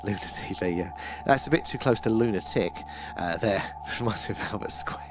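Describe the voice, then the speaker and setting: Essex-accented man with a low-pitched voice, chatting casually. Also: fairly quick, noisy background. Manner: rambling, self-deprecating. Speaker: livestream host. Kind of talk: casual livestream chat, answering viewers' comments. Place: small room at home.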